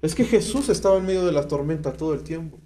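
A man with a Mexican accent preaches a testimony sermon, slangy and emphatic as he reads scripture and explains it. His voice sits high yet sounds mellow and warm, never sharp. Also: lively intonation, fast talker. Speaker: speaker at a rehab center.

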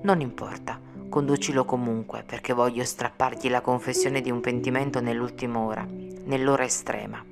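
A woman's voice: a bass voice, steady tone, normal speed, creaky. A woman reading a stern, curt young man. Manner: curt and austere. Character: stern young male scholar, cold and austere. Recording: music playing behind. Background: music.

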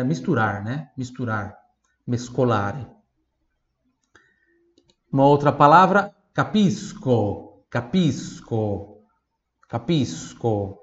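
A man teaching Italian pronunciation on a podcast, spelling out words and repeating them slowly for listeners to copy. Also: mid-range voice, roomy sound. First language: Portuguese. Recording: slightly dull lo-fi audio.

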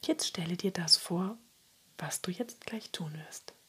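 A woman guiding a relaxation meditation in a soft, soothing spa-like whisper, breathy and husky. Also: on the low side, unhurried, slight background noise. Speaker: relaxation exercise guide.

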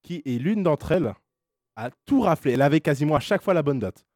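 A man's voice: fairly high pitch, lively intonation, brisk, darkish tone, dry recording, studio quality. A man in his twenties hosting a blind test in casual chat, teasing and playful, laughing often. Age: 20s. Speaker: radio host running a blind test.

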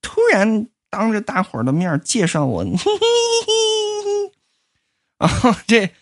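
A woman's voice: on the low side, very animated, a little slow, full character voice. A woman voicing a coy, scatterbrained young maid who talks in a coquettish, giggly sing-song, in comic storytelling. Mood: bashful.

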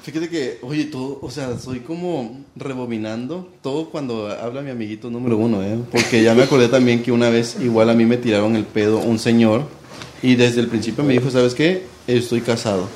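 A Mexican man hosts a casual chat and tells gossipy stories with animated flair. His voice sits at a middle pitch. The room is echoey, with a faint hum behind him. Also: a little fast. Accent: Mexican Spanish.

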